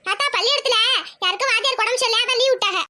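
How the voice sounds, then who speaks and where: A woman's voice: extremely high pitch, rapid-fire, sharp tone. A woman doing a bubbly little schoolgirl. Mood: cheerful. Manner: bubbly, chatty. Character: chatty little schoolgirl, cheerful and eager. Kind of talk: cartoon voice acting.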